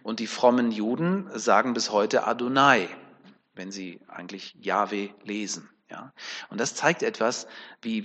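A man's voice: on the low side, sharp tone, long reverb tail. A man preaching a sermon in a conversational way, often checking in with the congregation through tag questions.

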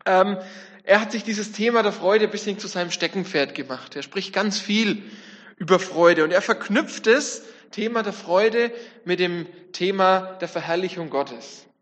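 A man's voice: high voice, measured pace, a bit bright. A man preaching a sermon, talking reflectively and speaking straight to his congregation. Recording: long church reverb.

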